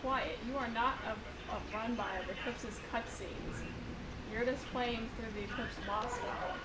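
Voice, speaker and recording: A woman streaming from home, chatting casually and excitably about game theories, rambling and talking to her pet along the way. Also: on the high side, moderate pace. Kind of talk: casual chat. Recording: noisy home stream audio.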